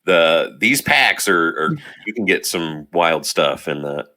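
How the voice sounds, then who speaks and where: Very deep bright-toned man, rambling casual co-host. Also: lively intonation, takes it slowly. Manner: rambling, many fillers and restarts, swears casually. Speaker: podcast co-host. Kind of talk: casual chat.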